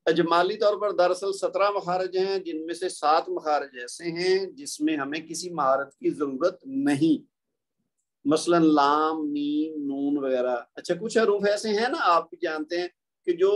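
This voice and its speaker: A man with a Pakistani Urdu accent gives a patient tajweed lesson, his voice sitting a little high. He explains each point calmly and draws out letter sounds slowly so students can copy them. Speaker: Quran recitation teacher.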